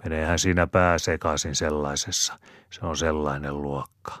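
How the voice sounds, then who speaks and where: A man's voice: very deep voice, steady tone, fairly bright tone, dry recording, studio quality. A man voicing a bawdy, sly old rustic storyteller who spins his yarn with folksy chuckles. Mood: yarn-spinning.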